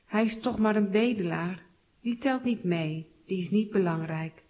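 A woman's voice: mid-range voice, normal speed, lightly acted. A woman voicing a dismissive crowd of townspeople who grumble about a beggar. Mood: scornful. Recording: slightly dull recording.

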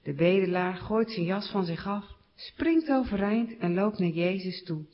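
Woman storyteller for children, mid pitch, plain storytelling, slightly dull recording. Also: measured pace. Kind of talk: telling a Bible story to children.

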